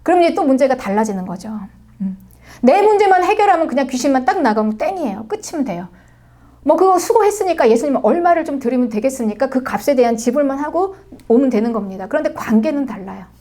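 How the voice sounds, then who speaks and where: A middle-aged woman pastor preaching a sermon with a Seoul accent, dramatic, swinging between soft murmurs and raised cries. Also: high voice, animated, fast. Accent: Seoul Korean. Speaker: senior pastor.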